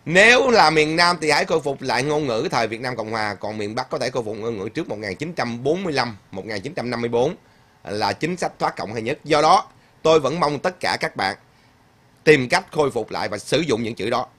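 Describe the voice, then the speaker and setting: Bright, emphatic male livestream host. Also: medium pitch, animated, fairly quick. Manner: emphatic, repeats points, many fillers. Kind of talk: casual livestream chat, reading viewer comments aloud.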